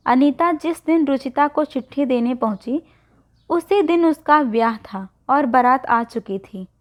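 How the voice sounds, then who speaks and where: A woman storyteller calmly narrating a scripted story in a measured way. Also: high-pitched. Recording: dull lo-fi recording.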